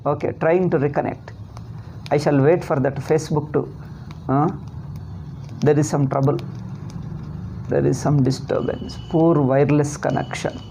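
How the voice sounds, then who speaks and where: A man's voice: a little high, steady tone, unhurried, gravelly, long pauses, mellow, slight background noise, low-quality recording. A man with a South Indian accent teaching a scripture lesson online in a didactic, question-and-answer manner. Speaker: teacher of Sanskrit philosophy.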